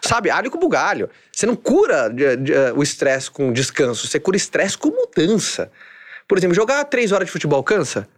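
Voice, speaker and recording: Animated fast-talking Brazilian man. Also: a little high. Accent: Brazilian Portuguese. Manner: animated, storytelling, slangy. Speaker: podcast guest. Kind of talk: casual chat.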